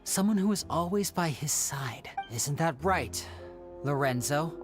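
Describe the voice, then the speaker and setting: A woman voicing a composed, confident young male magician and detective in a video game, speaking in a theatrical, deliberate way. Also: sits low, lively intonation, music in the background. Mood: grave, deliberate.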